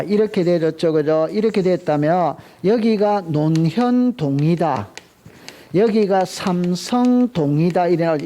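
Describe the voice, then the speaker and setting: Guy lecturing a class, high mellow voice, keeps quizzing students and repeating terms. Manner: drills students with call-and-response, prompting "시작". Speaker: real estate exam lecturer.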